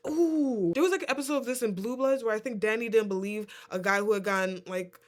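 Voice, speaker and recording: Brief: fairly high-voiced woman, casual reaction host, incredulous and animated. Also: fast talker.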